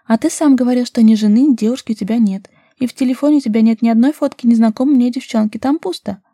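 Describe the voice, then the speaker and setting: A woman's voice: fairly high pitch, fast, warm tone, no echo, clean studio sound, voice pushed up. A woman voicing a bold, teasing young woman who presses her lover with questions, in a storybook reading.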